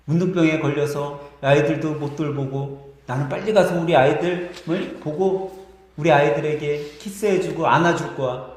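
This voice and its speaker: A pastor acting out a healed leper father who speaks loudly and from the heart about his children, in an echoey church hall. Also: on the high side, normal speed, close to an everyday voice. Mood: yearning. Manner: loud, heartfelt.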